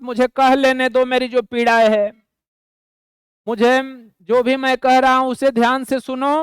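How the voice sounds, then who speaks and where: A man teaching a Hindi poem, reciting its verses slowly in a chanting tone and then explaining them in plain words. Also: very high voice, clear, resonant tone, dry recording, studio quality.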